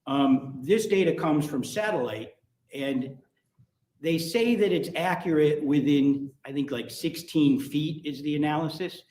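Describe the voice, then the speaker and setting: A man giving technical expert testimony in court, measured and halting with frequent ums. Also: fairly high pitch, a little mellow. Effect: courtroom recording. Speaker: expert witness on phone and vehicle location data. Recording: echoey courtroom audio from a distant mic.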